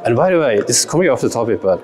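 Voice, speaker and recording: A man in his thirties from Japan, with a Japanese accent, giving a casual, halting talk to a young audience with many fillers and questions. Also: medium pitch, very animated, very noisy. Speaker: lecturer and festival speaker. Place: large hall, indoors. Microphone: stand microphone. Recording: roomy hall echo.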